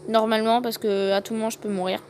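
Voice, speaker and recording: A woman giving casual gameplay commentary, excitable and fretful, thinking aloud to her viewers. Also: on the high side, quick pace. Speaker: gaming video host. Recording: noticeable background noise.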